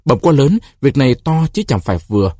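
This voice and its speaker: A man voicing an older male court clerk who flatters his superior and scolds the villager, in a storybook reading. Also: medium pitch, a little fast, dry recording, studio quality. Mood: fawning. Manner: obsequious, scolding.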